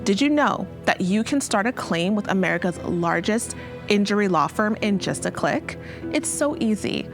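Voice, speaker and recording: A woman's voice: medium pitch, lively intonation, normal speed, over music. A woman host reading a sponsor ad in an upbeat, persuasive way. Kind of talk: sponsor read.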